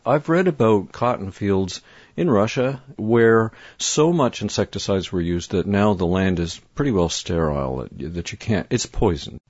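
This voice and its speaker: A man's voice: on the low side, lively intonation, moderate pace, darkish tone, husky, dry recording. A man hosting an interview, thoughtful, raising questions and sharing what he has read. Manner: thoughtful, asks leading questions. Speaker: interview host. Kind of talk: interview conversation. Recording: dry, dull lo-fi sound.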